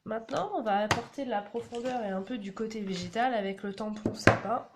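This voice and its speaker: A woman's voice: medium pitch, fairly quick. A woman, chatting through a card-making tutorial and explaining each step as she works. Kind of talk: casual crafting tutorial. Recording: audible background noise.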